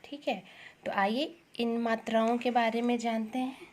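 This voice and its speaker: A woman teaching Hindi grammar to young children, slowly repeating words and asking questions to the class. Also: fairly high pitch, steady tone, a little mellow. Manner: slow, repeats words and asks questions to the pupils.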